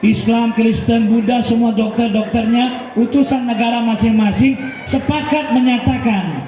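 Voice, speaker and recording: A man's voice: very high voice, fairly even intonation, normal speed, dark tone, a little hiss or hum. A man preaching a humorous sermon at a mosque gathering, joking with the congregation and calling out to them constantly. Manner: joking, calls out to listeners constantly. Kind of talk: humorous sermon with crowd banter. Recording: echoey mosque hall, crowd murmur.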